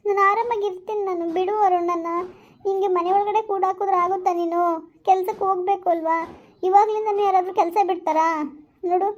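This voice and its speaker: A woman's voice: very high-pitched, steady tone, fast, muffled recording. Woman playing a pleading young pregnant wife. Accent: rural Karnataka Kannada. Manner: pleading, complaining.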